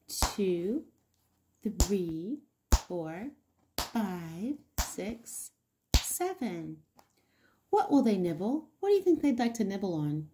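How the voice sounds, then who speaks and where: A woman teaching a counting lesson to young children, encouraging and sing-song, asking questions and pausing for answers. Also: mid-range voice, warm tone, slight background noise. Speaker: early-years teacher hosting an online circle time.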